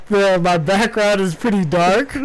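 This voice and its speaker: A man co-hosting a podcast from home over a video call, laid-back, giggly and teasing. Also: high voice. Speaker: podcast co-host. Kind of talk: casual chat. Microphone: computer video call.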